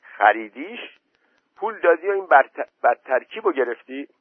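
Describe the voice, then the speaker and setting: A man's voice: mid-range voice, big pitch swings, husky, dry recording, voice pushed up. A man voicing an elderly village aunt who scolds and insists, recorded dry through a phone-like line. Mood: scolding. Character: elderly village woman, sharp-tongued aunt.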